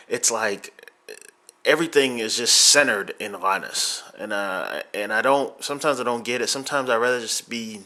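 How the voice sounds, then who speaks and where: A young American man from Miami hosts a casual question-and-answer podcast. His voice is bright and forceful, though his throat sounds sore and rough. He rambles loosely, with plenty of fillers and restarts. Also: mid-range voice. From Miami, United States.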